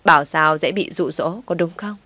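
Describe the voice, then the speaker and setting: A woman's voice: low voice, moderate pace, no room sound. A woman voicing a furious, vengeful wealthy wife who barks orders. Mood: cruelly mocking. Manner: domineering, shouting orders.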